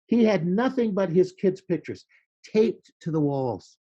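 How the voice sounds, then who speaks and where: A man telling animated stories in a casual interview, acting out quoted lines with a loud voice. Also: high-pitched, measured pace, lo-fi sound. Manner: animated storyteller, acts out quoted lines loudly. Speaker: podcast guest, creativity speaker.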